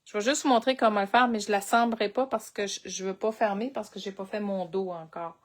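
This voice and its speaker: Speaking briskly in a mid-range voice with fairly even intonation, a woman with a Québécois French accent runs a live crafting tutorial. As the instructor, she chats and thinks out loud as she works.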